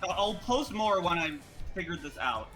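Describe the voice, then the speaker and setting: A man's voice: sits high, big pitch swings, moderate pace, sharp tone, faint music behind. A man in casual chat on a voice call, his audio echoing as if he were in a cave while he tries to sort out his headphones. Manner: distracted, troubleshooting his headphones mid-talk. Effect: cave-like echo on his voice call audio.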